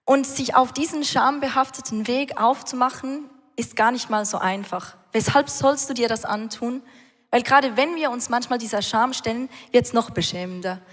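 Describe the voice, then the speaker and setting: A woman's voice: a little high, moderate pace, a bit bright. A woman preaching a sermon who speaks straight to the listener and builds up to passion. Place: large church hall. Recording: reverberant church hall.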